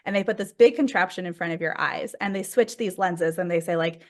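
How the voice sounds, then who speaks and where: A woman's voice: on the low side, brisk. A woman in her thirties talks as a podcast guest, bubbly and casual. She laughs often and fills her sentences with "like" as she tells her story. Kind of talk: casual conversational interview.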